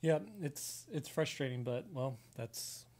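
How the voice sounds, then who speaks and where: An American artist and drawing instructor gives a casual live drawing tutorial from his desk in an indoor room, explaining each step as he sketches on a live stream. His voice is medium-pitched, steady, slow, and darkish, and it is heard only in the left ear.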